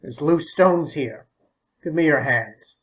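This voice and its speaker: A man's voice: fairly high pitch, animated, takes it slowly, a bit bright, low-quality recording. A man voicing a stubborn, fussy old man in an audiobook, peevish and sputtering. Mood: grumbling. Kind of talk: audiobook character voice.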